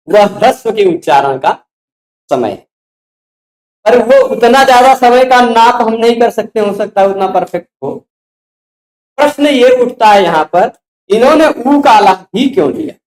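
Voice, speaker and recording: A middle-aged man lectures on grammar in a high voice. He works through each point step by step and keeps checking in with his listeners. The room is echoey. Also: darkish tone. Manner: explains step by step, checks in with "ठीक है" and "है ना". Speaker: Sanskrit grammar teacher.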